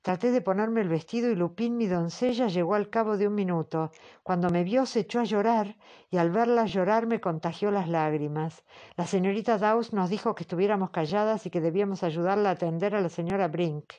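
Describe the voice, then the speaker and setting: Timid young female witness, soft and hesitant; voiced by a woman audiobook reader. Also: medium pitch, fairly quick, highs cut off, lightly acted. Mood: fearful. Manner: hesitant, soft, answers briefly. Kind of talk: audiobook character reading.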